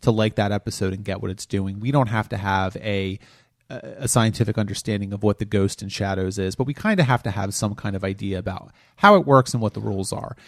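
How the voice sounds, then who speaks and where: A man co-hosting a podcast, chatting casually and critically, animated, often repeating words as he restarts. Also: fairly low pitch, fairly quick, dry recording, clean studio sound. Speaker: podcast co-host.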